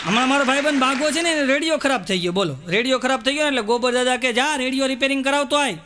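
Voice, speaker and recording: A man performs stand-up comedy, his voice sitting very high. He trades jokes and slow sung verses in a live show recording. An audience and steady noise are heard behind him. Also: a crowd in the background. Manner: storytelling jokes, sings verses slowly.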